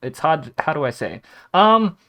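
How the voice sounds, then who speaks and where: A man's voice: a little high, sing-song, a little slow, sharp tone. A young man, a gaming content creator, telling a rambling, self-mocking story in casual chat to his viewers. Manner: rambling, jumps between tangents, wry and self-mocking.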